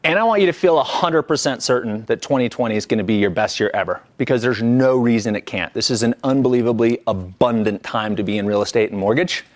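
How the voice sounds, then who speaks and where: A man's voice: medium pitch, quick pace, few pauses. A man leading a live business coaching workshop, talking energetically and conversationally and checking in with the group.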